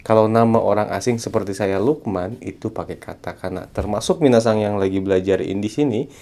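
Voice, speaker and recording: A man giving a casual video language lesson, chatty and friendly, slowing down to spell out sounds syllable by syllable. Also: fairly low pitch, creaky, mellow. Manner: chatty, repeats a friendly term of address, slows down to spell out sounds. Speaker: Japanese language teacher.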